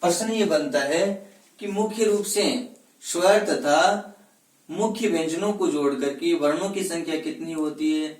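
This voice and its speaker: Man, grammar teacher, fairly high voice, asks and answers his own questions, echoey room. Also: far from the mic. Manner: asks questions then answers them himself; spells out letters slowly one by one. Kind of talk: classroom lecture.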